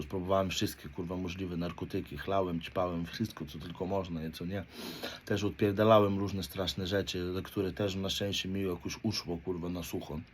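Deep and darkish in tone, the voice belongs to a man in his thirties from Poland who works as a motivational speaker. In a blunt confessional monologue he uses street slang, curses constantly, and frequently tags his points with "right?" as a question.

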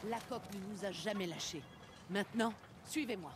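A woman's voice: mid-range voice, a little fast, background noise, natural voice. An actress voicing a firm woman who leads a harbor town in a video game, giving orders with authority. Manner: firm, commanding. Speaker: game character.

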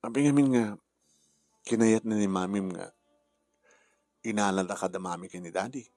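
A man's voice: on the low side, normal speed, a little mellow, dry recording, faint music behind, close to an everyday voice. A man speaking heartfelt family drama dialogue.

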